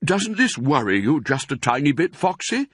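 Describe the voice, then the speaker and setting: An excitable, hungry storybook badger, voiced by a man. He talks in a raised, forceful voice that jumps about with animation. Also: on the high side, moderate pace, breathy edge, no room sound, studio quality, pitched above the performer's own voice, exaggerated voice. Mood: worried. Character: excitable, hungry adult male badger, loyal friend to fox.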